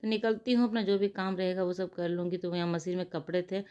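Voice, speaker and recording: A young woman talks through her day in a relaxed, homely voice-over, sitting a little low in pitch. She chats loosely, circling back and restating things as she goes, the way a mum narrates her own routine vlog. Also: quick pace, clear, resonant tone. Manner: chatty and homely, repeats and rephrases herself. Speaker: vlogger and mother.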